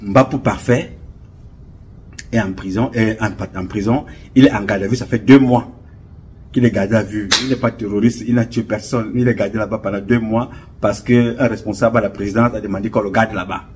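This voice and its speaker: A man's voice: lowish voice, steady tone, a little fast, darkish tone, a little hiss or hum. A man with a Cameroonian French accent giving an impassioned, preachy monologue, rambling and repeating himself. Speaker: online commentator. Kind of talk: casual monologue commentary.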